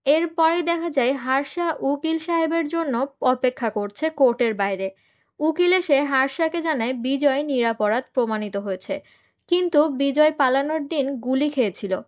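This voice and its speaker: High-pitched woman narrating a movie recap. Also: normal speed, muffled recording. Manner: steady storytelling, reads out the characters' quoted lines in the same voice.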